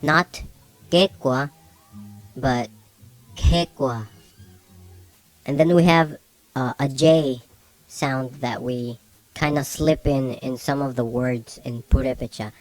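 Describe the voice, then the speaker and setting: A man teaching a beginner language lesson, saying each word slowly and repeating it several times. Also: mid-range voice, steady tone, no room sound, faint music behind.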